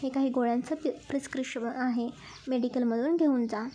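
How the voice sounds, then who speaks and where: A woman narrator voices a hospital doctor who speaks calmly and professionally. The voice is high and mellow, and the reassurance is steady, as in a storybook reading. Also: a little fast, slight background noise, close to an everyday voice. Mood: reassuring. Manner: calm, professional.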